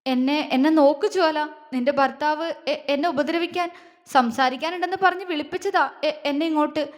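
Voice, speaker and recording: A woman's voice: high voice, fairly even intonation, normal speed, close to an everyday voice. A woman voicing a scheming woman who pleads in a weak, faltering, tearful voice. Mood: tearful pleading.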